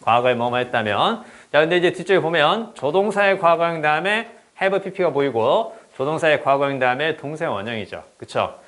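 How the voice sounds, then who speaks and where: Lively man giving a grammar lecture. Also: fairly high pitch. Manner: lively, repeats "그쵸?" to check understanding; reads English examples slowly and stressed. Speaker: English teacher. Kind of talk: exam-prep grammar lecture.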